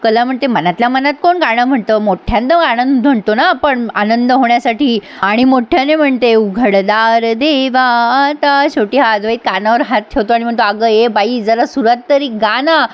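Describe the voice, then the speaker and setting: A woman narrating a recap of a TV serial episode, acting out each character's lines with lively emphasis. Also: on the high side, brisk, hardly any pauses. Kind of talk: voice-over recap acting out dialogue.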